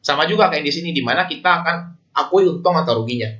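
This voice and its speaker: Speaking at a quick pace, this Indonesian-accented accounting lecturer explains things informally and conversationally, regularly checking in with his listeners. His voice is on the high side with a sharp tone, captured in lo-fi sound.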